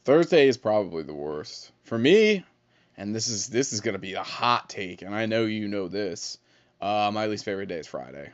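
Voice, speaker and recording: A man's voice: fairly low pitch, sing-song, moderate pace. Joking, rambling man on a muffled podcast. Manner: rambling, joking, swears casually. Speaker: podcast co-host. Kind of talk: casual chat. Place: shop basement.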